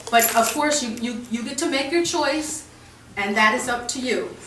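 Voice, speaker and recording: A woman's voice: fairly high pitch, fairly bright tone, distant mic, slight background noise. A woman administrator speaking firmly and measuredly to student protesters, with frequent restarts. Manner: measured, firm, repetitive restarts. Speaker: university administrator. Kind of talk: tense negotiation with protesters. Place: indoor stairwell. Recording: echoey stairwell, recorded from afar.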